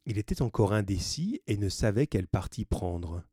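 A man narrating a classic novel as an audiobook, in a measured, even reading. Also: lowish voice, slightly rough, no echo, studio quality.

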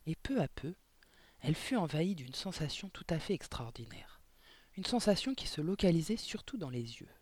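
A man with a slightly high voice narrates a children's novel aloud, telling the story expressively. The recording is dry and close, with no room sound. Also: very animated, moderate pace, darkish tone, no echo. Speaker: audiobook reader. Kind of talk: scripted narration.

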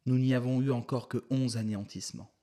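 A man's voice: mid-range voice, steady tone, fast talker, dark tone, lightly acted. A man voicing a polite, earnest male secretary guiding a visitor, courteous and explanatory.

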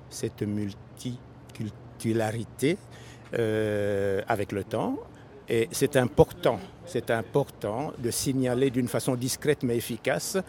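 An older man from Congo answers interview questions outdoors at a city station. He speaks in a measured, deliberate way. Faint traffic noise hums behind him. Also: mid-range voice, a little mellow.

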